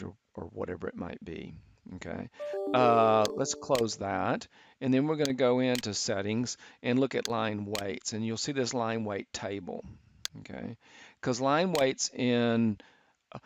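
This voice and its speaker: A middle-aged man teaching architecture students, talking through a software tutorial with many fillers and restarts. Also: medium pitch, creaky. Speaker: architecture instructor. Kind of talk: screen-recorded software tutorial. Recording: dull, lo-fi screen capture.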